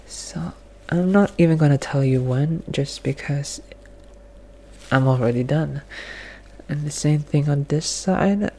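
In a small plain room, a young man with a slightly high voice performs an ASMR dentist roleplay, talking close to the mic through a face mask while facing the camera. His delivery is soft, frequently whispered, halting, and gently reassuring.

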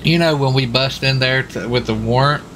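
This man, role-playing as a US marshal, jokes and rambles in a folksy manner while bantering in character over game voice chat, where vehicle noise comes through clearly. His medium-pitched, fairly bright voice moves at normal speed, though the audio is poor.

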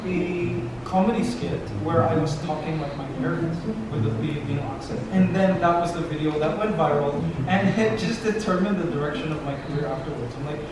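A man in his thirties from Canada, an animated guest answering questions in a TV studio interview. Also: fairly high pitch, a little fast, hardly any pauses. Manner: upbeat, animated, gestures while talking. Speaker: guest on a TV talk show. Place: large TV studio set. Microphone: camera from off the set. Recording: echoey studio from far off, noisy.

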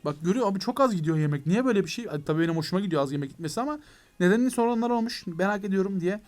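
A young man giving excitable let's play commentary on a mobile game, talking to his viewers and to the game, with mock frustration when things go wrong. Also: sits high, very fast. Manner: excitable, addresses viewers as "gençler". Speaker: gaming YouTuber.

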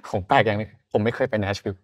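A man's voice: lowish voice, fairly even intonation, fast talker, no echo, clean studio sound. A man from Thailand in his thirties, a podcast guest chatting casually in loose, slangy talk. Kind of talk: casual chat.

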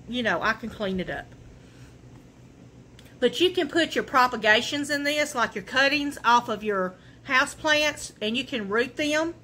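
A woman's voice: a little high, sharp tone, slight background noise. A woman, chatting folksily from her living room as she shows off her thrift finds to the camera. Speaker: vlogger showing a thrift haul. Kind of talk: casual show and tell.

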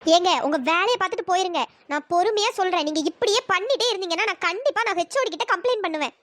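A performer voicing a young cartoon schoolgirl in a very high, squeaky voice who talks quickly and firmly. The sound is dry and close. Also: fairly even intonation, a bit bright, dry recording. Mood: scolding. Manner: firm and scolding. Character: young female student, scared then defiant.

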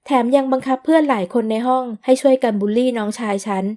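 A woman's voice: sits high, fast, warm tone, natural voice. A woman voicing a blunt, outspoken young female university student defending her brother in an audio novel. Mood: defiant.

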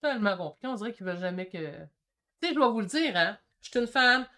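A woman in her fifties with a Québécois French accent, chatting excitedly while reading viewer comments on her painting stream. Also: mid-range voice. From Quebec. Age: 50s. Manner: excitable and chatty, quick shifts in energy. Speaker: painting channel host. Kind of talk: casual livestream chat reading comments.

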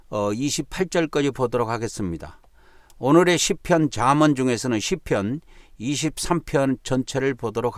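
A man opens the day's Bible readings and summarizes them in a calm teaching manner. He stops to explain terms along the way. His voice sits at a middle pitch, and the recording is close and dry. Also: no echo. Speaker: pastor.

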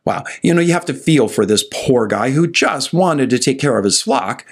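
A man's voice: mid-range voice, animated, moderate pace, husky. A man in his sixties, a pastor, teaching church history to camera in a scripted, storytelling way with asides to the viewer, recorded on a studio mic in a study. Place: indoor study with bookshelves. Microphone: studio mic in front of him.

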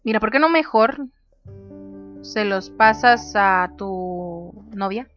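A woman's voice: mid-range voice, animated, slow pace, fairly bright tone, muffled recording, faint music behind. A woman casually commenting on a life-sim game, reading menu options aloud and laughing often. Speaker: gaming youtuber. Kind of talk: casual let's play commentary.

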